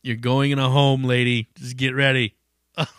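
A man's voice: medium pitch, flat delivery, moderate pace, a bit bright, clean tone, no room sound, studio quality. A middle-aged man hosting a podcast in a casual, rambling monologue, swearing freely and laughing often. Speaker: podcast host.

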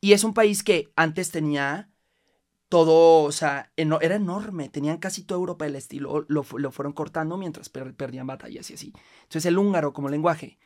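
A man with a Mexican Spanish accent, a podcast guest who tells his travel stories in a casual, animated way and acts out the voices in them. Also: fairly high pitch, fairly quick. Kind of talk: casual storytelling chat.

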